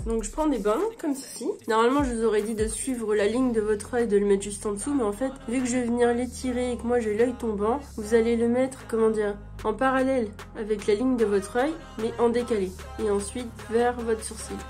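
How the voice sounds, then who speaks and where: A woman's voice: fairly high pitch, brisk, few pauses. Woman talking through a makeup tutorial. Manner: relaxed, step-by-step explaining. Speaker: beauty vlogger. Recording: music playing behind the voice.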